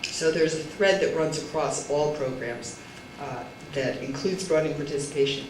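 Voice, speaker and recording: A woman's voice: low voice, normal speed. A woman with a bad cough, talking with a cough drop in her mouth as a conference panel speaker, chatty with self-deprecating asides. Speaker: panel speaker, funding program director. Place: conference room. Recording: echoey hall, distant mic, noisy.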